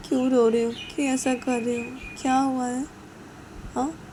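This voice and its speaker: A woman's voice: on the low side, noisy background. A woman telling a story casually, chaining events with repeated linking words. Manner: repetitive, chains events with filler links.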